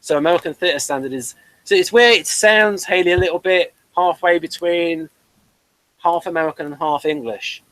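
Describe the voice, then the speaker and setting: A man's voice: fairly high pitch, normal speed, fairly bright tone, no room sound, poor audio. A man hosting a casual review chat, talking in long, digressive explanations with dry humour. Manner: chatty and digressive, explaining at length; dry humour, chuckles between points. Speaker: host reviewing a TV series.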